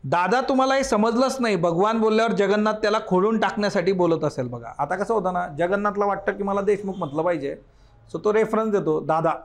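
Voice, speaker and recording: A man's voice: high voice, fast. A man teaching a literature class for exam preparation. He reads passages aloud and explains them line by line, often addressing the class directly. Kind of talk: exam-prep lecture on a short story.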